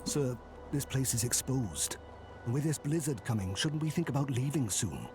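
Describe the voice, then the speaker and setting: A man plays an anxious officer in a mid-pitched, hesitant voice. He frets about the danger and the cold. Clear game music runs underneath. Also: lively intonation, moderate pace, lightly acted. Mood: concerned. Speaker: expedition officer acting as medic.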